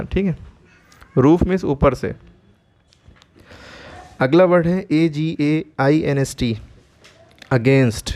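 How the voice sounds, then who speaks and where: A man's voice: fairly high pitch, smooth. A man teaching English vocabulary in Hindi, spelling each word letter by letter and repeating its pronunciation and meaning. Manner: spells words letter by letter slowly, repeats each word, often asks "ठीक है?". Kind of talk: vocabulary lesson, spelling out words.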